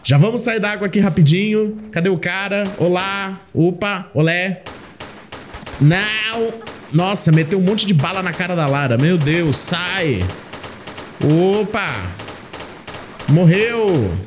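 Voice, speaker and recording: A young man with a Brazilian Portuguese accent giving casual, chatty, excitable commentary while playing a video game, often talking to the character on screen. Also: high voice, slow, soft background music. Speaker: gameplay commentator. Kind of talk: casual let's play commentary.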